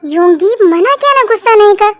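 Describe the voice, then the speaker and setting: A woman's voice: very high voice, expressive, brisk, a bit bright, no room sound. A woman voicing a defensive young husband who speaks firmly and warningly. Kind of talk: fan audio story voice acting.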